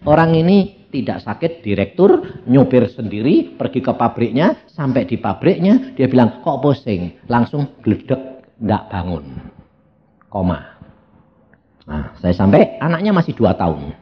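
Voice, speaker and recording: A man's voice: mid-range voice, sing-song, unhurried, highs cut off. A man preaching a sermon in a Javanese accent, telling stories with humor and often addressing the congregation directly. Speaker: evangelist preacher.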